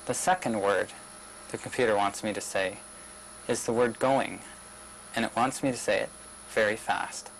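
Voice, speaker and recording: A young man narrating a demonstration video in a measured, plain explanatory way. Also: fairly low pitch, creaky, a little hiss or hum, low-quality recording. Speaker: researcher demonstrating a system. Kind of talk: scripted narration of a demo video.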